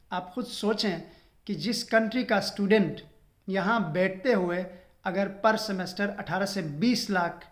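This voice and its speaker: A young man from Pakistan, vlogging and earnestly advising students, dropping English phrases into his talk. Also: sits high. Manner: earnest advice, code-switching with English phrases. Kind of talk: casual informational vlog.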